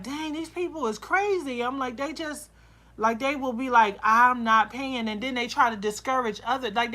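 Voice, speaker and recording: A woman's voice: fairly high pitch, bright, forceful tone. A woman hosting a casual livestream, chatting and venting, laughing often and quoting herself. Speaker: soap and candle maker hosting a livestream. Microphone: laptop microphone.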